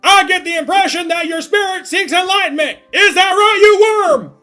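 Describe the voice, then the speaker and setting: A belligerent drill sergeant turned yoga guru, barking orders in a high, forceful shout. He is domineering and loud, as if running a boot camp in a comic game, with faint music underneath. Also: normal speed.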